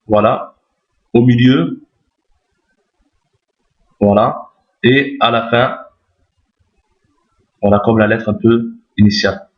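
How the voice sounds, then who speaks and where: A man teaching Arabic reading step by step, patiently repeating each point and often checking that listeners follow. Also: mid-range voice. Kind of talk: step-by-step lesson explaining letters on screen. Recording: roomy, dull lo-fi recording.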